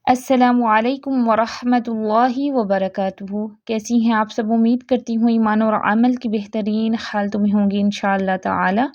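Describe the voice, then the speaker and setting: A woman's voice: fairly high pitch, steady tone, hardly any pauses, a little mellow, muffled recording. A woman teaching a Quran pronunciation lesson, patiently explaining step by step and checking in often with her students. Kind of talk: tajweed lesson.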